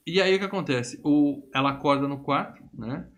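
A podcast co-host with a fairly high voice, speaking at normal speed, animatedly retells a film during casual chat. He acts out the characters' lines and swears freely as he goes.

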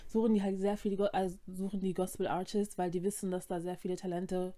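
A woman's voice: mid-range voice, flat delivery, quick pace, warm tone. A young woman co-hosting a casual chat, summarizing things in a talkative way with filler words. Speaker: podcast co-host.

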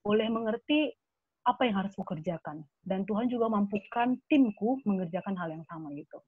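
A young adult woman speaking as a guest in an earnest, animated casual chat with many fillers. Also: medium pitch, brisk, slightly rough, no echo. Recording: tinny phone-like line.

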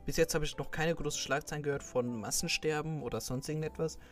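A man's voice: a little high, fairly even intonation, fast, a bit bright, soft background music. A young man talking casually in a rambling way, with many fillers and restarts. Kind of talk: casual chat.

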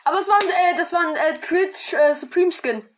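A woman chatting with teammates during an online shooter match, trading slangy callouts and sometimes shouting in excitement. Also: very high voice, brisk, slight background noise. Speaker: gamer. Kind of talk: excited gaming chat with teammates.

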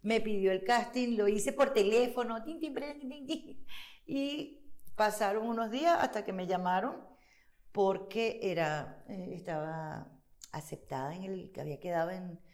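An actress chatting as a guest in an interview, lively and quick to laugh, breaking into accent impressions. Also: female voice, mid-range voice. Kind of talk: casual interview chat. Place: studio in Chile.

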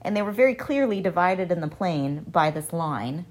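A woman's voice: on the low side, moderate pace. A woman math professor, a radio interview guest, chatting casually and acting out the exchanges she tells about. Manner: animated storyteller, acts out quoted exchanges. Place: radio studio.

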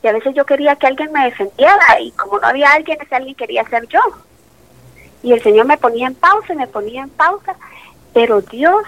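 A woman in her late thirties, a doctor, shares an emotional testimony of faith during an interview, acting out the dialogue as she tells the story. Her voice sits high and she speaks briskly, though the audio quality is poor.

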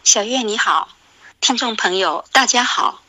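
A woman teacher giving scripted commentary in a formal, measured and instructive manner. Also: on the high side, animated, sharp tone, no echo.

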